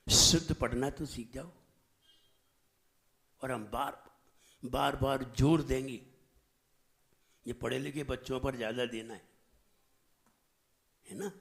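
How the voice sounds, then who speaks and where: A man teaching an audience in a sermon style, quizzing them, making them repeat, and swinging between loud emphatic lines and soft asides. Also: mid-range voice, steady tone, vocal fry. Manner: asks the audience questions and makes them repeat; drawls single words slowly to show the right pronunciation. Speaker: Jain monk teaching a training camp.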